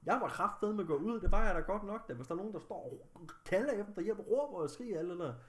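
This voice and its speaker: Young male vlogger, slightly high-pitched, agitated, swears heavily. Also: expressive. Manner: agitated, angry, heavy swearing. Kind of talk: recounting a personal story to camera.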